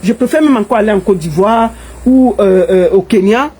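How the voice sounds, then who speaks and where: A woman's voice: mid-range voice, moderate pace, warm tone, husky, poor audio. A middle-aged woman from Cameroon with a Cameroonian French accent, an exiled political activist giving an impassioned monologue to camera, emphatic and repetitive.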